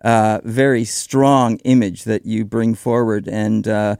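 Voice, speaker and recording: Smooth male radio host, dry sound. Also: lowish voice, flat delivery, takes it slowly, a little mellow, dry recording. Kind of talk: conversational radio interview.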